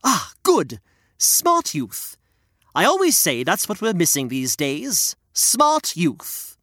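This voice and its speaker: A woman voicing a daft, excitable old man who keeps breaking into the story with silly questions. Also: on the low side, takes it slowly, no echo, clean studio sound, heavily acted.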